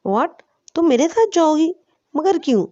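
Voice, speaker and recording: Brief: woman as a bemused young man, questioning, mellow. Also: fairly high pitch, expressive, no echo, lo-fi sound, lightly acted. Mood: surprised. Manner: surprised, questioning.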